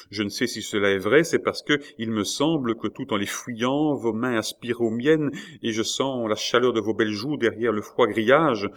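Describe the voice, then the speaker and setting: A man's voice: mid-range voice, natural voice. A man reading an audiobook who voices a lovesick young prisoner in a lyrical, impassioned manner.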